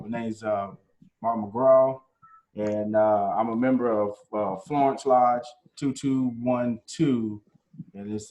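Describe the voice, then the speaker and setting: Lower-voiced male member, halting and hesitant, filler-heavy self-introduction. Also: a little mellow. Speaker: lodge member introducing himself.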